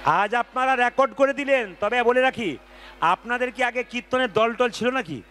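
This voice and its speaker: A man preaching between devotional kirtan songs, energetic and urging the crowd to chant along. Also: very high-pitched, normal speed, slight background noise. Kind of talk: devotional kirtan with spoken sermon and call-and-response chanting. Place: large outdoor devotional gathering with crowd. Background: folk music with tabla.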